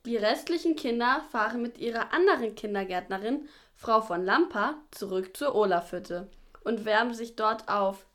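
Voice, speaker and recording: A woman narrates a children's audio drama in a calm, explanatory way. Her voice sits somewhat high. She links the scenes with plain scripted narration. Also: normal speed.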